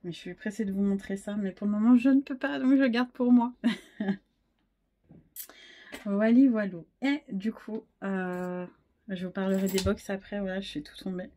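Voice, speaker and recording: A woman's voice: mid-range voice, steady tone, moderate pace, warm tone. Scatterbrained woman chatting about her knits. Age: 30s. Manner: scattered, self-deprecating, many fillers and restarts. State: a bit hoarse, frog in the throat. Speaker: wool dyer and knitting podcaster. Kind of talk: casual knitting vlog chat.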